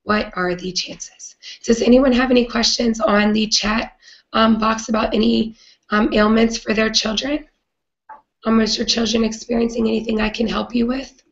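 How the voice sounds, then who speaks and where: Raspy sick-sounding woman on a live chat, flat gravelly voice, kinda dull lo-fi audio. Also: fairly high pitch, normal speed. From not British. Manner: earnest, with frequent "um" fillers. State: hoarse from a cold. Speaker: host of a live video chat. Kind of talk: casual live-stream talk.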